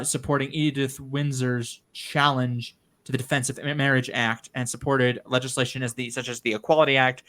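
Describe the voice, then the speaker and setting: Bright-voiced young man reading notes. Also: medium pitch. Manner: reads notes aloud with crude asides and frequent restarts. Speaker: stream co-host. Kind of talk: casual political discussion.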